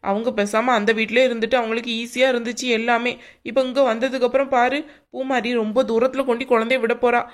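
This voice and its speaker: A woman's voice: on the high side, level tone, fast talker, close to an everyday voice. A woman voicing a worried, ailing older mother in a cartoon, speaking with a southern Tamil Nadu accent in a fretful, self-reproaching way. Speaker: voice actor. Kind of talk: cartoon voice acting.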